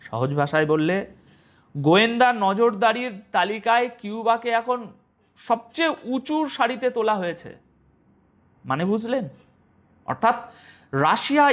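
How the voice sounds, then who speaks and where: A man presenting international news commentary, speaking straight to his viewers and asking them rhetorical questions. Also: sits high. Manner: animated, rhetorical questions to the audience.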